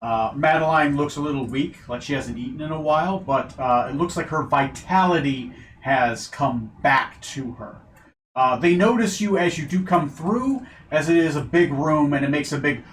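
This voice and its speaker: A man narrating a tabletop game as game master, hesitant and full of pauses, recorded from a distance in an echoey room. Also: fairly high pitch, a bit bright. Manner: hesitant, lots of fillers. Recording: echoey room, distant mic, faint hum.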